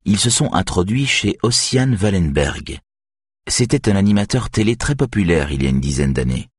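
A man reading an audiobook in measured, even scripted narration. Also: low voice, breathy edge, no room sound, studio quality.

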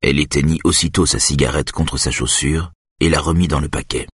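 A man narrating a novel in a measured, subdued way. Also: very deep voice, steady tone, husky, no room sound, studio quality. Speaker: audiobook narrator. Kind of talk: literary narration.

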